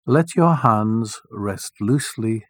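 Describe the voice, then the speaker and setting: A man leading a guided meditation, speaking softly and soothingly with long, deliberate pauses. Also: on the low side, lively intonation, no echo, clean studio sound.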